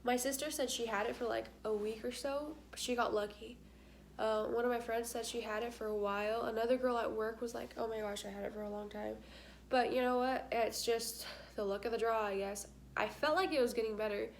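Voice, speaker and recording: A woman's voice: on the high side, fairly even intonation, brisk, slight background noise. A young woman talking candidly to her camera, with a congested nose and short of breath, filling her talk with "like". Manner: chatty, candid, many fillers, stuffy-nosed. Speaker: vlogger.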